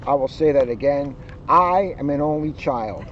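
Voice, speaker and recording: A high-voiced police officer reads a children's book aloud, expressive and a bit bright at a normal pace, tossing in joking asides. The audio is muffled and recorded outdoors, with vehicle noise and passing cars in the background.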